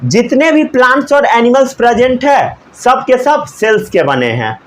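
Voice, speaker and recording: A young man teaching a class, asking questions, repeating the answers and dictating key lines slowly word by word. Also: very high voice, big pitch swings. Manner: asks students questions, repeats answers, mixes English terms. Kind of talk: classroom lecture.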